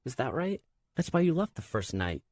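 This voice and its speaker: A man's voice: a little high, very animated, normal speed, darkish tone, dry recording, studio quality, pitched above the performer's own voice. A man voicing a shy, moody young woman who sometimes breaks into song, speaking timidly in an audiobook. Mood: somber. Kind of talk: audiobook character voice.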